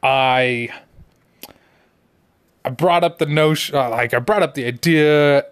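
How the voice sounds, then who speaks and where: A nervous, apologetic teenage boy speaks in a casual, rambling way. A man quotes him while telling a story. The delivery is unhurried, with a middle-pitched male voice. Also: lightly acted.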